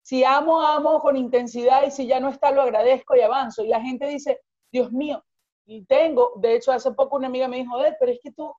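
A woman coach talks on a podcast in a relaxed, mellow tone that sits fairly high. She explains expansively and acts out little examples as she goes. The audio is dull and lo-fi. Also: brisk. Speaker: guest life coach. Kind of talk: podcast conversation.

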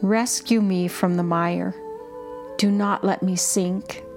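A woman who guides prayer and hosts a podcast leads a slow, repetitive contemplative prayer reading with music beneath her voice. Her mid-range, darkish voice stays fairly even in intonation, and she delivers short, measured phrases in a very unhurried, deliberate devotional style.

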